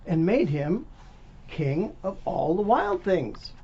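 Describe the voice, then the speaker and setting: Taking it slowly with a sing-song lilt, a man with a high, warm, husky voice volunteers as a storybook reader, sharing a picture book informally and interactively as if for small children. Faint background noise sits under a dull, lo-fi recording.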